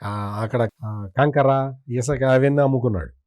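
A mid-pitched, slightly mellow male voice delivers critical political commentary during an interview at normal speed. He holds firm opinions and repeats his points to drive them home.

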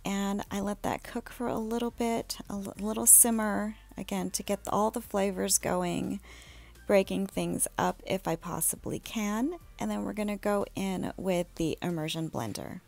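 A woman in her thirties giving a casual, chatty cooking voice-over, relaxed and easygoing. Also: mid-range voice, a little slow, creaky. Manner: relaxed, chatty, with fillers and small laughs. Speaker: home cook vlogger.

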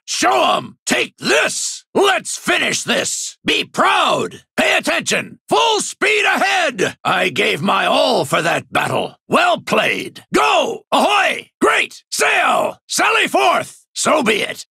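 An actor playing a gruff old sea captain in a video game, a proud, stern mentor with a raspy, gravelly voice and hearty, commanding bluster. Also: male voice, extremely high pitch, pushed and bright, dry recording, clean studio sound, full character voice. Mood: proud, steady. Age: older. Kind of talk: video game character voice lines.

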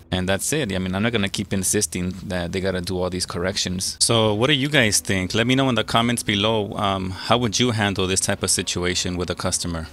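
A man with a lowish voice narrates a service call as he works, explaining each step in a relaxed, rambling way. He is slightly out of breath from wearing a mask. Faint background noise sits under his voice. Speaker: HVAC technician. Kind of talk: casual how-to narration while working. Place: house basement and yard, on a service call.

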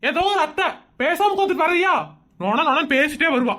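Woman doing a drunk husband bit, fumbling excuses, highish voice. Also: lively intonation, brisk, sharp tone, exaggerated voice. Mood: evasive. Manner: fumbling excuses, scolding wife. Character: tipsy bumbling husband, middle-aged man, evasive. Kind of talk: comedy skit acting.

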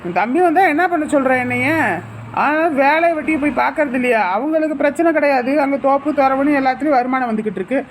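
A brusque, stingy village husband, as a woman plays him, snapping his words out quickly in a fairly high voice. He scolds rather than talks. Faint noise sits behind him. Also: a bit bright. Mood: scolding.

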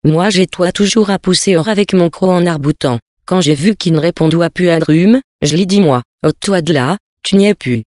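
A rough river boatman with a hoarse voice rambles through a folksy yarn, as a reader puts him on. The recording is dry and close, the pitch mid-range. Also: normal speed, hardly any pauses, a little mellow, dry recording, natural voice. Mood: boastful.

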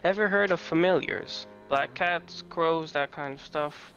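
A man's voice: on the high side, a little slow, a bit bright, highs cut off, soft background music. A man voicing a wise talking crow. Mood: knowing, wry. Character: wise old male crow, a talking familiar.

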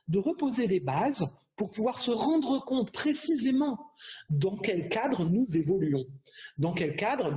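A man's voice: high-pitched, a little mellow. Hesitant middle-aged man explaining a course. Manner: measured, explanatory, with frequent hesitations and restarts. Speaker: program director presenting a prep course. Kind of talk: open-day presentation over slides.

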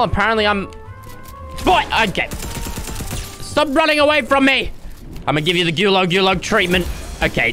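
Frantic and high-voiced, a young Australian man narrates gameplay for his YouTube channel with bright excitement. He yelps, squeals and groans loudly and dramatically, though his voice is beginning to give out.

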